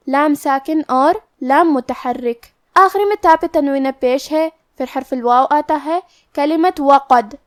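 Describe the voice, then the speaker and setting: Woman, high voice, Quran recitation teacher; methodical step-by-step explainer, slow drawn-out recitation. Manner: methodical, explains each letter rule step by step; recites verses very slowly and drawn out.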